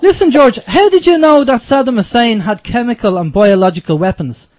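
High-voiced late night call-in host, man. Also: animated, brisk. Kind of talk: unscripted-sounding phone-in hosting.

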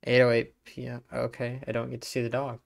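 A man's voice: medium pitch, completely flat delivery, quick pace, creaky. A man giving sarcastic, joking, profane commentary as he plays horror games. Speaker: gaming YouTuber. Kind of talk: gameplay commentary.

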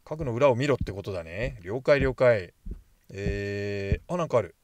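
A man's voice: on the low side, moderate pace, darkish tone, dry recording. A man giving casual, jokey commentary while playing a horror game, chatting to himself as he goes. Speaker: game streamer.

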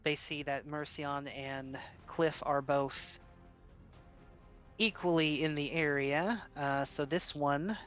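A game master narrating a tabletop game in an unhurried way, with many filler uhs. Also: mid-range voice, steady tone, a bit bright, lo-fi sound, faint music behind.

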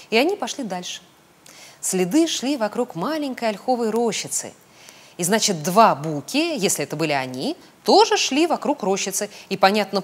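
A woman reading a children's storybook aloud, with expressive, sing-song storytelling. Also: mid-range voice, husky. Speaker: storybook reader. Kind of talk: children's audiobook narration.

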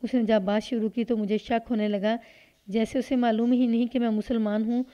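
A woman narrating a read-aloud story in a steady, measured way. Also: on the high side. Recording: dull lo-fi recording.

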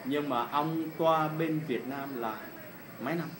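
A man's voice: on the high side, slow pace, a crowd in the background. A middle-aged man from Vietnam interviewing casually and politely, often repeating answers back. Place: indoor swimming pool hall. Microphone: phone at arm's length. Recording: noisy indoor pool, phone recording.

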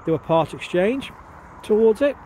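Male car salesman, slightly high voice, congested with a cold, informal walkaround patter over clear outdoor noise. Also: lively intonation, normal speed, mellow. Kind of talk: casual walkaround sales presentation. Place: outdoors at a car lot, walking around a car. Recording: outdoor handheld video with clear background noise.

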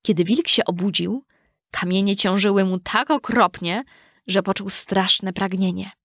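A woman reading a children's storybook aloud in a calm, even storytelling manner. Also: medium pitch, a little slow, no room sound, clean studio sound. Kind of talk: scripted storybook narration.

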